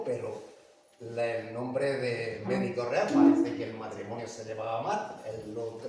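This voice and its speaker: A man's voice: mid-range voice, a little mellow, slight background noise. Male lecturer, Andalusian Spanish accent, casual storyteller, recorded from afar in a reverberant hall. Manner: conversational, asks the audience. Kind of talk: public talk, storytelling. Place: large echoey palace hall. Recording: echoey hall from far off.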